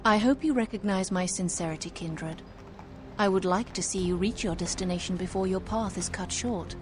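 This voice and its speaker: A woman voicing a cold, scheming female vampire leader in a video game, speaking in a measured, formal, quietly threatening way, with music behind. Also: medium pitch, lightly acted.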